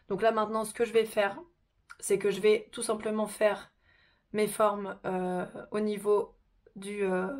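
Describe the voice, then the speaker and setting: A woman hosting a casual makeup tutorial, chatty and informal, her voice hoarse from a sore throat. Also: medium pitch, darkish tone.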